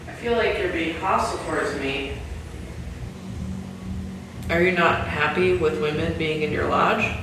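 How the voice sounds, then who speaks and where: A woman investigating a haunting, asking questions in a calm, quietly provoking way inside an old building at night. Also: deep voice, measured pace, pauses often, background noise. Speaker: paranormal investigator. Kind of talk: ghost-hunt questioning. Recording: echoey room, mic at a distance.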